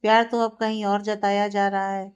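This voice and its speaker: A woman's voice: mid-range voice, flat delivery, normal speed, clean tone, highs cut off, lightly acted. A woman voicing a mischievous young woman who playfully teases her older sister, in a read-aloud storybook. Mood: teasing. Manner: playful, teasing.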